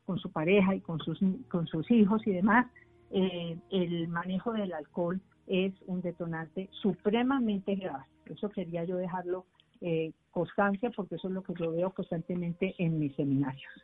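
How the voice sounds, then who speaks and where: A woman's voice: lowish voice, normal speed. Woman therapist explaining over a phone line. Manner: didactic, explains step by step with examples. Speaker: couples therapist. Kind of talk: radio discussion. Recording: phone-line sound with faint music.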